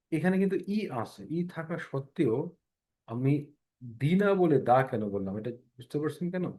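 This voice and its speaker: A man's voice: mid-range voice, darkish tone. A man teaching English pronunciation in an online class, explaining step by step and checking that students follow. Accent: Bangladeshi Bengali.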